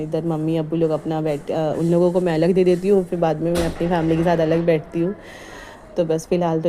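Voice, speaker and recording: A woman narrating her home vlog as a chatty voice-over, rambling and animated, often breaking into laughs. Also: fairly low pitch, a little hiss or hum. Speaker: home vlogger. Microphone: voice-over recorded while editing.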